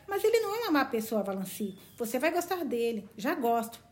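A woman's voice: on the high side, sing-song, a little fast. A woman reading the lines of an ardent, blunt young man from a novel. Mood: fond.

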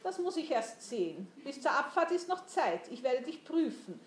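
A domineering merchant mocks and commands in a storybook reading, as a woman puts him on. His lines swing widely in pitch. A roomy echo surrounds the voice. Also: sing-song, moderate pace, slight background noise. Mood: commanding. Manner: commanding, mocking. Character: domineering, mocking older male merchant.

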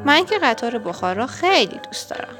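A woman's voice: a little high, sing-song, a bit bright, pitched above the performer's own voice. A curious young boy from a children's storybook, voiced by a woman reading aloud. He talks in a raised, wondering voice that moves about a lot. Faint music runs beneath.

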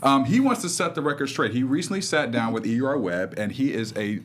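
A man's voice: mid-range voice, expressive, fast talker, a bit bright. A man hosting a casual talk show panel, steering the talk and introducing story segments. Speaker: host. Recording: faint background noise.

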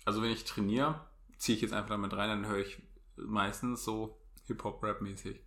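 A young man co-hosting a casual podcast chat, relaxed with dry humor. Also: lowish voice, moderate pace. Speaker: podcast co-host. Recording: echoey room.

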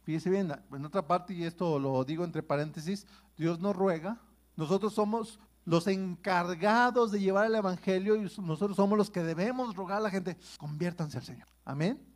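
A man's voice: high-pitched, normal speed. A man preaches to his congregation. His delivery is conversational, and he keeps checking in with his listeners as he reads and explains the scripture. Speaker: pastor. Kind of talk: sermon.

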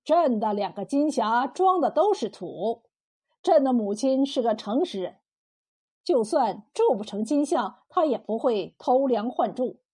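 A woman voicing a stern, wise male emperor who speaks with measured authority. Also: a little high, animated, darkish tone, breathy edge.

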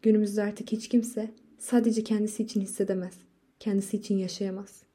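A woman's voice: medium pitch, little pitch movement, fairly quick, mellow, slightly rough, natural voice. A woman reading the part of a desperate, weary male painter, with agitated outbursts, in a storybook reading. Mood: despairing.

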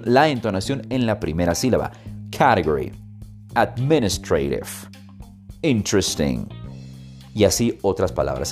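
A man hosting a podcast lesson on English intonation, switching between Spanish and English and acting out lines dramatically to demonstrate. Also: mid-range voice. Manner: expressive, demonstrates intonation with sung and dramatic readings. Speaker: English teacher and podcast host.

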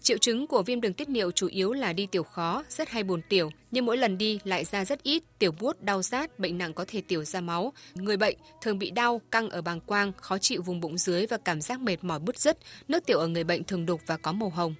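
Mid-pitched woman narrating health information. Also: animated, fast talker, hardly any pauses. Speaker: health programme presenter.

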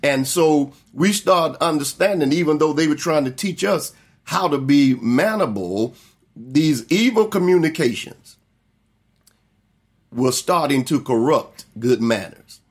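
A man's voice: on the high side, lively intonation, measured pace, husky. Middle-aged pastor, man, teaching a Bible study through homespun stories, voices the people he quotes. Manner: folksy storytelling, acts out quoted relatives.

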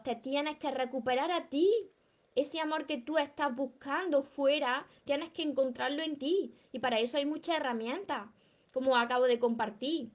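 A woman with a Peninsular Spanish accent who hosts a live stream as a self-help author, giving emphatic, encouraging advice and greeting viewers by name. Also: high-pitched.

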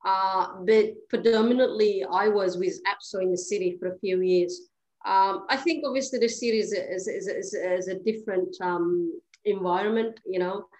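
A woman's voice: medium pitch, normal speed, a little mellow, rough recording. A woman in her thirties from Eritrea, a guest on a podcast interview, talking at home with frequent restarts and easy laughter. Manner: hesitant, many restarts and fillers, laughs easily. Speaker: guest, cleaning business founder. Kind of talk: podcast interview, casual conversation. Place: at home during lockdown.

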